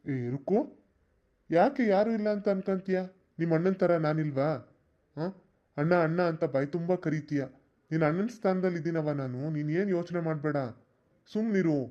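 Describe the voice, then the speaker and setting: A man voicing a kindly village neighbour who acts as a big brother, encouraging and warm-hearted. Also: a little high, moderate pace, long pauses, lo-fi sound, close to an everyday voice.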